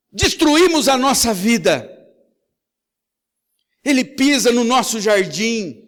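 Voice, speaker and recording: A man's voice: high voice, fairly bright tone. A man preaching a sermon in Brazilian Portuguese with impassioned delivery, voicing the questions he quotes. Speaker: pastor. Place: church hall. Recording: reverberant church hall.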